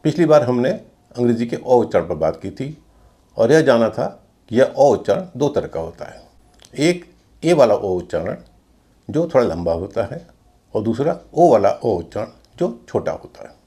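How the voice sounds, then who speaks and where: A man's voice: mid-range voice, sing-song, normal speed, dark tone. A man teaching English pronunciation in a lesson, spelling words out letter by letter and then saying them. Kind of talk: explanatory lesson.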